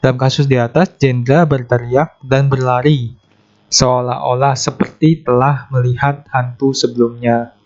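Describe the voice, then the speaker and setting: A man teaching an exam-prep grammar lesson, going through each question step by step. His voice sits at an ordinary middle pitch, and he slows down deliberately whenever he reads the English answer options aloud. The recording is dull and lo-fi. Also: little pitch movement, a little mellow.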